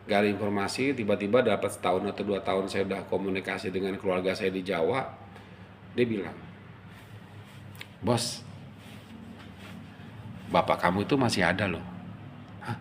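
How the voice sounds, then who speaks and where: A middle-aged man from Java casually telling a personal story, animated and emotional, acting out the quotes. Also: deep voice, moderate pace, pauses often, a little hiss or hum. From Java, Indonesia. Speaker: storyteller recounting his life.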